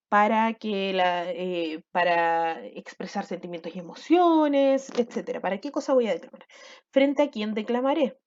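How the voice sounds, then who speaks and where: A woman gives a recorded lesson to young pupils, patient and methodical, pausing to check that they follow. Her voice sits a little high. The recording is dull and lo-fi, like a simple home setup. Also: a little mellow. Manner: patient, explains step by step, keeps checking with "¿ya?". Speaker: primary school language teacher. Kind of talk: recorded online class for children.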